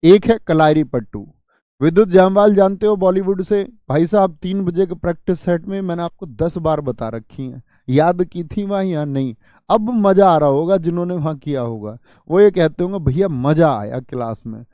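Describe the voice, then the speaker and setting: A man's voice: high voice, normal speed, warm tone, no room sound, clean studio sound. A man teaching a live online exam-prep class, drilling students with repeated questions and joking as he reads their comments.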